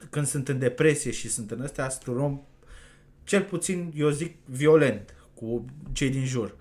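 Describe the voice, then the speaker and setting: A man's voice: medium pitch, a bit bright, slight background noise. A man being interviewed, speaking bluntly and confessionally about his own life. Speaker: guest. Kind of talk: candid interview talk.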